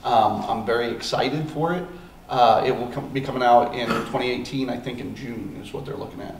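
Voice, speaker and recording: A man's voice: mid-range voice, brisk. A man hosting a podcast in casual chat, rambling with plenty of ums and uhs. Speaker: podcast host. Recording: echoey room, distant mic, faint noise.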